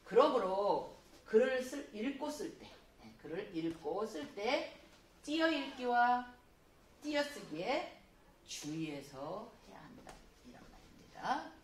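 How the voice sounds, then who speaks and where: A woman teaching a spelling class, explaining patiently and reading example phrases slowly. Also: a little high, very animated, a little hiss or hum. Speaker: Korean spelling instructor. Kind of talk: classroom lecture. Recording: echoey room, voice from a distance.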